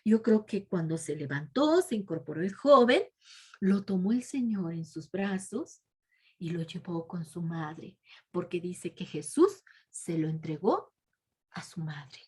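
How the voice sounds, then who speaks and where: Breathy, lively woman telling a Bible story to children. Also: lowish voice, unhurried. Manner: keeps adding a soft "¿verdad?" tag; sometimes drops to a whisper.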